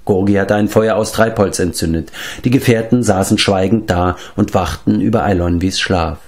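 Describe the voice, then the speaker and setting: A man narrating an audiobook in a measured, low storytelling tone. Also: darkish tone. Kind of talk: audiobook reading.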